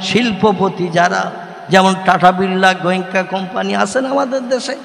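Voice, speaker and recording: A high-pitched, gravelly male preacher, chanting and shouting his sermon in long melodic swells. His bright, forceful voice rings through a large hall with a long echo. He calls on the crowd to answer him. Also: moderate pace. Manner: swings between sung chanting and shouted emphasis, calls on the crowd to respond.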